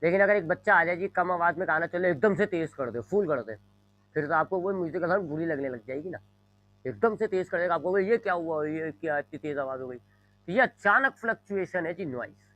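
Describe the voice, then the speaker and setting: A man's voice: on the high side, animated, a little fast, a bit bright, dull audio. A male physics teacher, giving a classroom lecture, explaining with repeated everyday examples and drawing on a board as he talks. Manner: explains with repeated examples, frequent "जी", mixes English terms; draws on a board while talking. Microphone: microphone.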